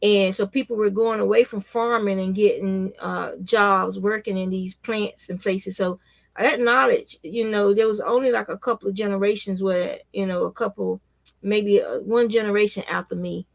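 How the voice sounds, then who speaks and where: A crochet vlogger in her fifties reminisces casually while crocheting, rambling along with frequent restarts. Her mid-range, gravelly voice keeps fairly even intonation at normal speed, in a dry recording.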